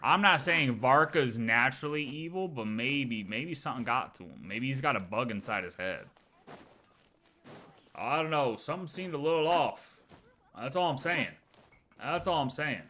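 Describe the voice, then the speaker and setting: Animated and sharp in tone, a man with a medium-pitched voice talks at normal speed. He is a livestreamer reacting to game lore, rambling in slangy casual chat and repeating phrases for emphasis as he speculates on the story.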